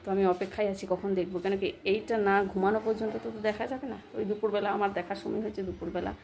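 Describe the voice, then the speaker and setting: A woman's voice: medium pitch, steady tone, very fast, noisy background. A woman in her thirties with a Bengali accent, chatting casually in a home vlog, rambling and coaxing her child while she cooks. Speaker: vlogger, mother. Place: home kitchen.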